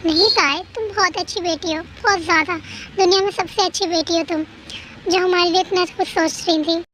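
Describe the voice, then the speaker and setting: A storyteller with a very high voice performs every part of a dramatic fan story, pleading and emotional in the dialogue. A faint hiss sits under the recording. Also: fairly even intonation, a little fast. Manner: acts out each character's dialogue with pleading emotion. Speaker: storyteller voicing every character. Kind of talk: dramatic fan-fiction reading.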